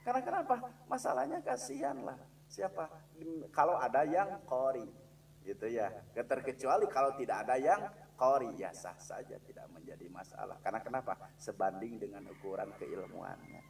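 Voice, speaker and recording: A man's voice: medium pitch, sing-song, gravelly, far from the mic, slight background noise. A man with a Sundanese accent teaching a religious lesson in a mosque, asking his listeners questions as he goes. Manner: mixes Sundanese into Indonesian, asks listeners questions; chants Quranic verses slowly and loudly as examples.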